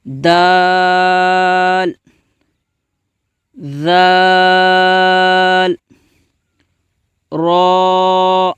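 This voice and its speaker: A man leads a step-by-step reading lesson and spells out each letter slowly so learners can repeat it. His voice is high and smooth. The recording is close and dry, with no room sound. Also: no room sound. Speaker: Quran reading teacher.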